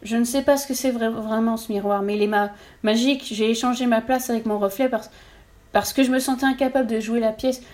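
A woman's voice: steady tone, a little fast, a little mellow, lightly acted. A woman voicing a timid boy trapped in a mirror, stammering in a raised voice. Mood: earnest. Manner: stammering, higher pitched.

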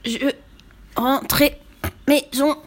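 A hot-headed young wolf, put on by a woman reading a children's story, bursts out in high, loud lines. He sulks and shouts rather than talks, a quick-tempered storybook hero. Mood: sulky. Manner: loud, excitable, sulky outbursts. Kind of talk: storybook voice acting.

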